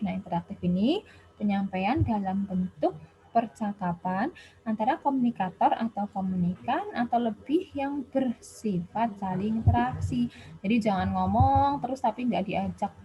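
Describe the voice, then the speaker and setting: Casual woman lecturer, muffled lo-fi recording. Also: medium pitch. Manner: chatty, with many Javanese-flavored casual fillers. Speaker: health education lecturer.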